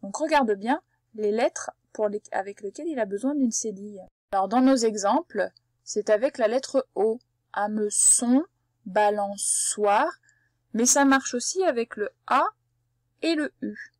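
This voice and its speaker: Speaking at a moderate pace in a voice on the high side, a primary school teacher patiently sounds out words syllable by syllable in a reading lesson for young children. She addresses the child directly as tu, and there is no room sound.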